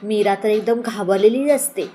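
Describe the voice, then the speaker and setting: A woman's voice: mid-range voice, normal speed, mellow, slight background noise. A woman casually retells a TV serial episode, slipping into the characters' lines as she goes. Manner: storytelling, slipping into quoted dialogue. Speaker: TV serial recap narrator.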